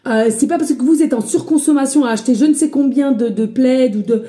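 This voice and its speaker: A woman with a slight accent gives a casual spiritual reading to her followers, her voice raised and somewhat high. She sounds warm and mellow, pausing often and calling her viewers friends. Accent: a slight accent she mentions. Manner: loud voice, by her own account; chatty, hesitant, addresses viewers as friends. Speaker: psychic medium giving a reading. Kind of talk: casual spiritual guidance vlog.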